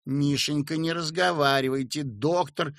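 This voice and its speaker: Man doing a fussy nervous hostess, flustered, slow, close dry sound. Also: on the high side, steady tone, fairly bright tone, dry recording. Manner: flustered, anxious.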